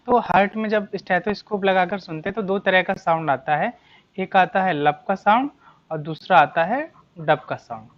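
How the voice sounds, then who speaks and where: A biology teacher giving an exam-prep lecture, asking rhetorical questions and answering them, repeating key terms and reading questions out slowly. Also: medium pitch, dull audio. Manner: reads English questions slowly, explains in Hindi.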